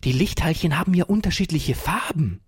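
A man voicing a curious young boy who asks eager, sometimes hesitant questions, his voice raised high and a little husky. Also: sing-song, normal speed, heavily acted.

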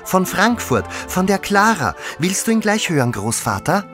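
A man putting on a high, eager little girl. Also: very animated, moderate pace, music in the background. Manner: bright, eager and calling out. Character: lively, excitable young girl on a mountain pasture.

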